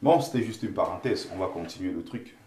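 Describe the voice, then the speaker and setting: A man's voice: deep voice, expressive, brisk, a little mellow, reverberant. A man from Cameroon with a Bamileke accent, giving impassioned live-stream commentary. He talks emphatically, repeats himself and pleads with his viewers.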